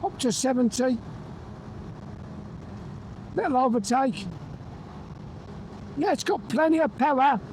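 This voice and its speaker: A man's voice: extremely high pitch, lively intonation, takes it slowly, long pauses, darkish tone, low-quality recording. A British man gives a chatty, colloquial running commentary while riding outdoors, speaking into a motorbike helmet intercom microphone. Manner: chatty, colloquial British turns of phrase with tag questions. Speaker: motorcycle review vlogger and presenter. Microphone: microphone inside a motorbike helmet. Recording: helmet mic with engine and wind noise. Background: faint vehicle and wind noise.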